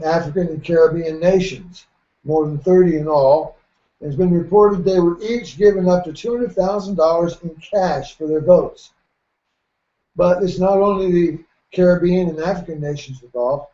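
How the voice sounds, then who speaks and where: Man, middle-aged, mellow voice, folksy sports talk host, roomy dull lo-fi recording. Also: fairly high pitch. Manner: measured, folksy, clears throat often. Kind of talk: radio talk show commentary.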